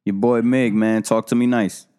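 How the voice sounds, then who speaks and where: A man's voice: fairly low pitch, flat delivery, normal speed, mellow, smooth. A man co-hosting a casual podcast, teasing and cracking jokes. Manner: joking, teasing. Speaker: podcast co-host. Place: shared room, not their usual studio.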